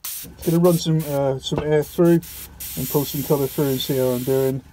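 A man's voice: mid-range voice, steady tone, normal speed, mellow, a little hiss or hum. A man hosting a casual hands-on painting tutorial, slightly muffled as if through a mask, thinking aloud in a self-deprecating way. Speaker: miniature painting video host. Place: indoor painting studio.

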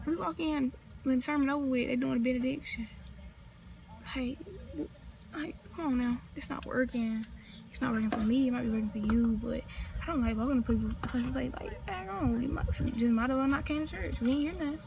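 A woman's voice: high-pitched, a little fast, gravelly, noisy background. A young woman in her late teens with a North Carolina accent, chatting casually and rambling into her phone outside, full of slang and side remarks. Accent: North Carolina Southern US. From North Carolina, USA. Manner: chatty, slangy, meandering asides. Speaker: vlogger. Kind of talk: casual rambling vlog chat. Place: outdoors, sitting outside. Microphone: phone camera.

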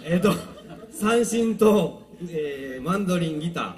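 A man's voice: on the high side, animated, measured pace, darkish tone. Polite joking man at a live show. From Japan. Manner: polite, joking, laughs between phrases. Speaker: band vocalist introducing members. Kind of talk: casual stage MC at a live show. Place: outdoor park stage. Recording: live outdoor recording with guitar behind.

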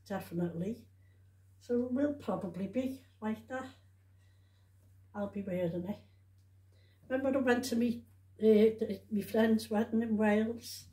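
A chatty woman rambles to camera at home about things she bought, circling back over the same points and trailing off with tag questions. The recording is roomy and echoey, and her medium-pitched voice has a warm tone.

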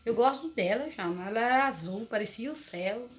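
A talkative middle-aged Brazilian woman with a Brazilian Portuguese accent, chatting casually and calling out to the viewers. Her voice sits a little high for a woman. Clear noise runs behind her throughout the home recording. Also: lively intonation, brisk. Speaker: vlogger's mother.

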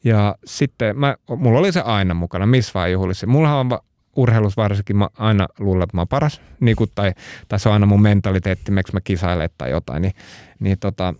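A man's voice: fairly low pitch, darkish tone, clear, resonant tone, no room sound, studio quality. A Finnish man, a talk show guest, telling his story in a rambling casual way with many restarts. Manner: rambling, frequent restarts and fillers.

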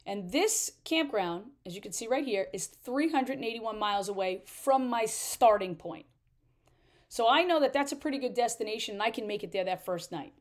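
A woman's voice: on the high side, lively intonation, normal speed. A woman in her thirties, an RV travel vlogger, explaining a trip-planning tool step by step in a chatty way. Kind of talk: screen-share tutorial walkthrough.

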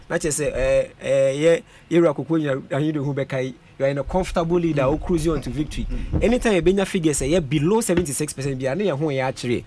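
A slightly high, somewhat mellow male voice comes through with a touch of hiss or hum. The speaker is a young Ghanaian man seeking a parliamentary seat, giving a radio studio interview in mixed Twi and English and reciting vote tallies at a boom-mounted studio mic.

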